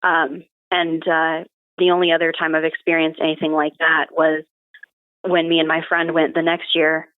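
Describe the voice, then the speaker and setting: Over narrow, phone-style remote-call audio, a young woman guesting on a podcast shares personal anecdotes in a relaxed, conversational, matter-of-fact way. Her low-pitched voice stays monotone at a normal speed, and the recording is dry.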